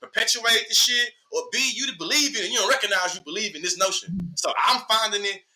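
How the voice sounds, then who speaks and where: Bright and high-voiced, a Texan man in his early thirties talks fast with a Southern accent as a podcast guest who teaches social media. He's animated, slangy, and rhetorical in this casual, opinionated conversation, frequently checking listeners keep up, over a rough recording.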